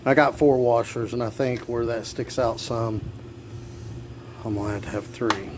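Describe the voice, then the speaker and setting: A man's voice: medium pitch, fairly even intonation, normal speed. A man talking casually and plainly, thinking aloud as he narrates a hands-on repair. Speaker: amateur car repair vlogger. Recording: clear background noise, vehicle ambience.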